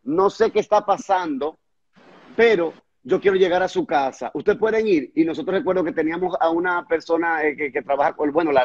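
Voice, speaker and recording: A pastor telling a testimony in an earnest, conversational way, stumbling over and repeating words at the hardest moments. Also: male voice, a little high, darkish tone, slightly rough, lo-fi sound. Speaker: pastor and guest recounting a testimony.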